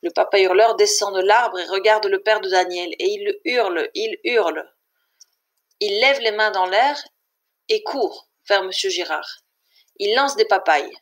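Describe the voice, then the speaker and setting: A woman reads a children's story aloud for learners. Her delivery is clear and measured. Her voice sits at an ordinary middle pitch. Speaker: reader.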